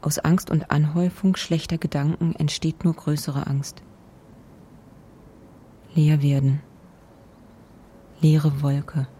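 A woman's voice: deep voice, level tone, slow pace, long pauses, warm tone, breathy edge. A woman author narrating fragmentary, contemplative notes in a literary radio feature.

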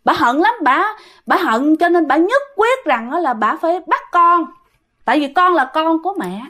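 A woman's voice: very high-pitched, expressive, moderate pace, bright, forceful tone, voice pushed up, heavily acted. A woman voicing the ghost of a drowned little boy, plaintive and calling out again and again. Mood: earnest.

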